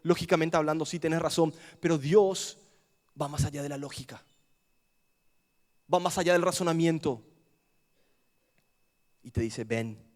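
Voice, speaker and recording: A man with an Argentine accent preaching a camp sermon, swinging between loud dramatic outbursts and hushed, quiet pleading. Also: on the high side, measured pace, pauses often. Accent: Argentine Spanish. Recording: long hall reverb.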